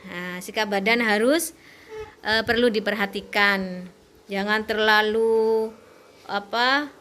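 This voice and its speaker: A female teacher gives a lesson in a slow, unhurried delivery, patiently walking her students through each point. Her voice sits a little high. A faint noise stays under the recording. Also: pushed and bright. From Indonesia. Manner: patient, explaining slowly with fillers.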